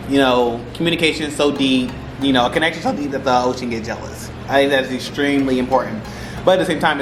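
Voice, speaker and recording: A man's mid-pitched voice comes through in a roomy, echoing space with music clearly playing behind it. He chats informally and slangily, rambling a little and repeating phrases to stress his advice, in the loose style of a mukbang vlog. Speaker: vlogger giving relationship advice. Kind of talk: casual mukbang chat to camera.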